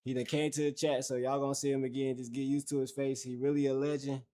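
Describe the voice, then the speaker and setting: A man's voice: mid-range voice, level tone, fast, dark tone. A young man from Fayetteville, North Carolina, hosting a livestream in loose, slangy, profane casual chat full of fillers. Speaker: livestream host.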